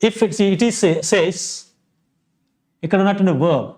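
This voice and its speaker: Male Telugu-accented teacher, high pitch, unhurried, lists words one by one. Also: a little mellow. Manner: slow, repeats examples and lists word by word. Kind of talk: grammar lesson.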